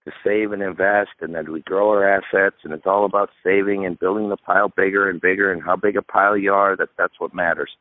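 Low-voiced and fast, a man in his fifties barely pauses as he speaks with fairly even intonation. He is a retirement expert guest on a radio interview, laying out emphatic, instructive steps. The audio is a dry, tinny phone line with no echo.

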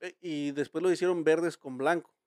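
A man's voice: on the high side, fairly even intonation, moderate pace, darkish tone, no room sound, clean studio sound. A Mexican man hosting a casual podcast chat, telling rambling, slang-filled stories with many restarts. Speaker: podcast host.

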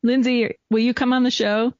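A woman co-hosting a podcast, chatting casually and quick to laugh and agree. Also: fairly high pitch, level tone, a little mellow, no echo. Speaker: podcast co-host. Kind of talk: casual chat. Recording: dull lo-fi sound with faint music.

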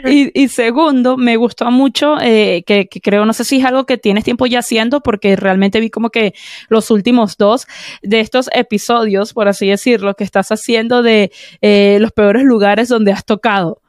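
A woman hosts a casual podcast interview, asking friendly, loose questions and laughing often. Her voice sits a little higher than most women's. The sound is close and dry, with no room echo. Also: moderate pace. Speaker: podcast host.

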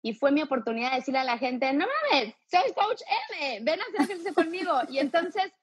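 Brisk and high-pitched, this woman is a fitness coach from Mexico who speaks with a Mexican Spanish accent. In a casual interview she's frank and energetic, cursing freely.

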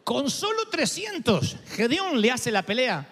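A man preaching a sermon in an animated storytelling manner, acting out the people he quotes. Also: very high voice, unhurried, in a large hall.

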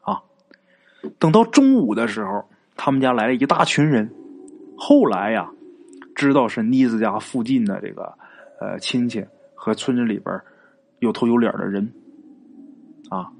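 A man's voice: mid-range voice, lively intonation, moderate pace, vocal fry, pauses often, a little mellow, slight background noise. Casual male ghost-story teller. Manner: colloquial, full of filler particles and asides.

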